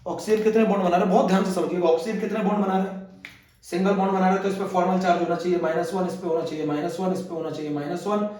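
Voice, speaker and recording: A man's voice: sits high, steady tone, racing, a little mellow. A man teaching a chemistry class, asking his students questions and answering them over and over. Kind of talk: classroom lecture. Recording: echoey room, mic far off.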